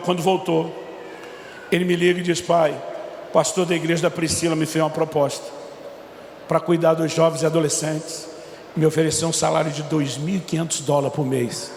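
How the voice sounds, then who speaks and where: A middle-aged man preaching a sermon to a congregation, telling stories and acting out both sides of a conversation with lively retold dialogue. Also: high-pitched, gravelly, slight background noise. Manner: animated storyteller, voices quotes of himself and his son. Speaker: pastor. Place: large church hall. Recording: echoey church hall with reverb.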